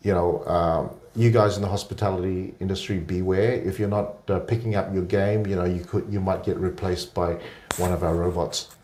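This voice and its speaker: A man's voice: sits low, steady tone, moderate pace, darkish tone, slight background noise. A man speaking as a guest on a casual interview podcast, explaining things steadily with frequent filler sounds.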